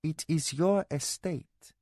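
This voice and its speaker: A poised young noblewoman speaks in a flat, controlled tone, put on by a male audiobook narrator. Her voice sits a little higher and softer, deliberate and slow. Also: dry recording, studio quality, exaggerated voice. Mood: restrained. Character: composed young noblewoman, quietly determined wife.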